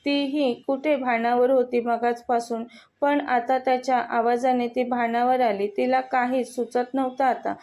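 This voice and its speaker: A woman's voice: fairly high pitch, flat delivery, a little slow, darkish tone. A woman with a Marathi accent reading a romantic story aloud, voicing all the characters' lines in her own voice. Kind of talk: scripted story narration.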